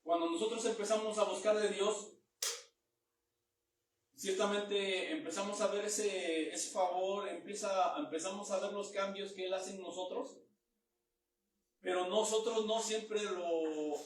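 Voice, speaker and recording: A man with a high voice gives a Bible teaching sermon in what sounds like a church hall. He reads each verse aloud and then explains it in plain words. The room rings with heavy echo, and he stands well away from the microphone. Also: steady tone, measured pace, pauses often. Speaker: preacher. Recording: very echoey room, mic far off.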